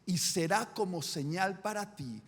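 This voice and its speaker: A preacher voicing a firm, solemn teacher. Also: male voice, high-pitched, measured pace, fairly bright tone, soft background music, heavily acted. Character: calm, firm male teacher, master of disciples. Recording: reverberant church hall.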